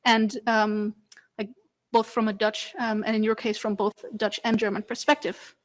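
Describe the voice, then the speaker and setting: A woman's voice: mid-range voice, level tone, moderate pace. A woman moderating a conference panel, introducing guests with frequent hesitations.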